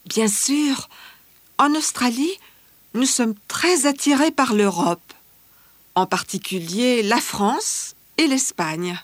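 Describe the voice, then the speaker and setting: A friendly teenage schoolgirl, played by a woman talks slowly and clearly in a scripted language-exam interview. Her voice sits fairly high for a woman. The recording is dry and close, with no room sound. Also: animated, dry recording. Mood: calm chatty. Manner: measured, clearly articulated scripted delivery. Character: cheerful teenage Australian schoolgirl, fashion-loving.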